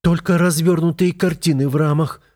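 A man's voice: on the high side, fairly even intonation, moderate pace, a little mellow, pitched above the performer's own voice, lightly acted. A man reading an audiobook, voicing a jealous young wife who pleads in a trembling half-whisper. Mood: anxious.

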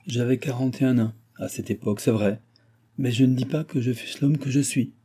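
A man reading the part of a mysterious, calm stranger who speaks gravely and without embarrassment. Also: mid-range voice, brisk, pitched above the performer's own voice, lightly acted. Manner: grave, unruffled.

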